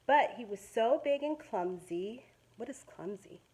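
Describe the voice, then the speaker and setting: A woman teacher reads a children's tale aloud with dramatic expression and pauses to simplify vocabulary for young ears. Her voice is a little high and slightly rough, and the audio quality is poor.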